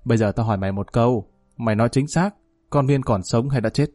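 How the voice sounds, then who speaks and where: A cold, threatening man growls his lines low and harsh, as a male narrator puts him on. The voice sits deep and mellow in tone, dry and close, with faint music underneath in this audio story. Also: fast talker, no room sound, lightly acted. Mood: menacing. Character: cold menacing male police gangster.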